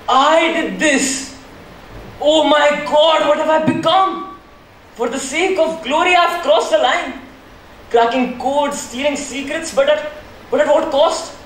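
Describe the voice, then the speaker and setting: A man's voice: very high voice, fairly bright tone, exaggerated voice. A man playing a young hacker in a school stage play, dramatic and self-questioning. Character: young male hacker, boastful then guilt-ridden. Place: large school hall. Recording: echoey hall from far off, faint noise.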